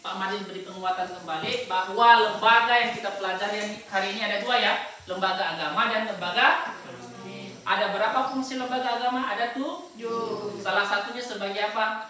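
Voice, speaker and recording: A man's voice: high-pitched, sharp tone. A male teacher leading a classroom lesson, giving short directions and often repeating commands. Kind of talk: classroom instruction. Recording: echoey room from far off, noisy.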